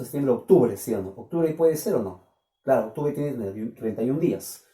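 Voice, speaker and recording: A man's voice: medium pitch, mellow. Peruvian man teaching math in an echoey classroom. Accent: Peruvian Spanish. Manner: questioning, keeps checking with students. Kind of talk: classroom lecture. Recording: echoey room, voice from a distance.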